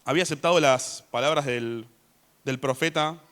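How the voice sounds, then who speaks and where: A man preaching a sermon in church, chatty in tone and rising to loud emphasis when he reads scripture. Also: a little high, moderate pace.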